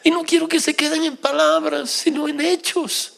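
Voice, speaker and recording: Man, pastor, sermon, high pitch, gravelly, emotional, middle-aged. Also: level tone, moderate pace. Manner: emotional, shifts between loud exclamations and soft confessional tones.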